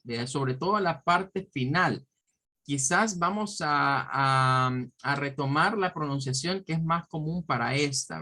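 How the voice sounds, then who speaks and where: Slow, patient male language teacher. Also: a little high, pushed and bright. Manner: patient, explains step by step and repeats words slowly; often checks in with listeners by asking for agreement. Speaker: English teacher. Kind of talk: online pronunciation lesson.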